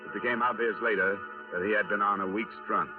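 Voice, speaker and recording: Playing a clipped, no-nonsense insurance investigator who narrates his own case, this actor performs in a 1950s radio crime drama. His voice is on the low side and natural, with fairly even intonation at a quick pace, heard through restored narrow-band radio audio with faint music behind it.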